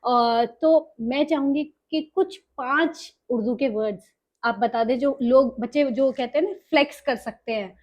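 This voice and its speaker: Attentive woman podcast host, slightly high voice. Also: unhurried, highs cut off. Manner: attentive, frequent soft acknowledgements, mixes English words into speech. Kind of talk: podcast interview conversation.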